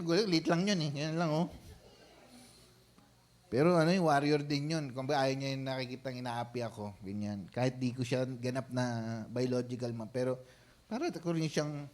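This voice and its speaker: A man with a Filipino accent, a senior pastor giving a sermon in a conversational style and often checking in with the congregation. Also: on the high side. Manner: conversational preaching, frequent tag questions.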